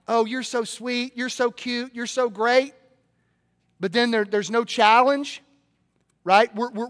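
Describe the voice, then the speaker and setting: High-voiced Southern pastor preaching in a hall. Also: male voice. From Mississippi. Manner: lively, swings from loud to hushed. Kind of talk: sermon. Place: large church hall. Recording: long reverb of a large hall.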